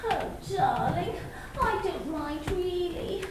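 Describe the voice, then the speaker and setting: A woman voicing the playful ghost of a dead wife, coaxing and airy, in a stage play audio drama recorded in an echoey room with steady noise. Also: very high voice, takes it slowly, a crowd in the background, exaggerated voice. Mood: teasing.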